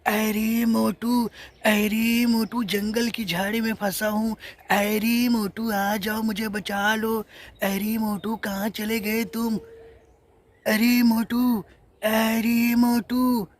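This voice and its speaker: Man doing a flat slow whiny cartoon sidekick, high-ish, keeps calling his buddy. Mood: pleading. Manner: calls the same name over and over in a plaintive drawl. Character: skinny clever young male cartoon sidekick.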